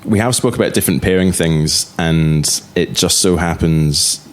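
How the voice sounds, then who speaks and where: A man's voice: low-pitched, normal speed. A man with a north-east Scottish accent, chatting casually as a guest on a podcast. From Aberdeenshire, Scotland. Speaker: distillery representative, podcast guest.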